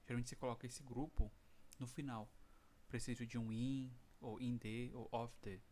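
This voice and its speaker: A man with a Brazilian Portuguese accent, teaching an English lesson online and reading the English examples out slowly. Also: medium pitch, little pitch movement, a little mellow, a little hiss or hum.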